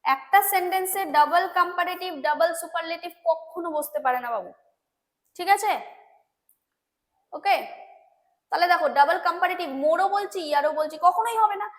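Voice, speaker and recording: A woman's voice: extremely high pitch, normal speed, long pauses. A woman with a Bengali accent teaching English grammar for an exam, explaining patiently, repeating points and often checking that students understand. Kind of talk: exam-prep grammar lesson.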